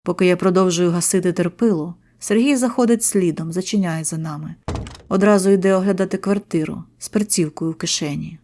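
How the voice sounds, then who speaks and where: A woman's voice: lowish voice, fairly quick, mellow, a little hiss or hum. A woman reading a first-person horror story in short, tense sentences. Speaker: narrator. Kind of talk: scripted horror story narration.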